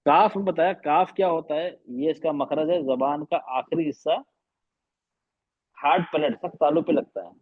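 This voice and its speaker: A man teaches an online class in a fairly high voice, explaining patiently and going over each point again. He slips English phrases into his talk. The sound is muffled, as over a video call. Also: moderate pace. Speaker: tajweed teacher.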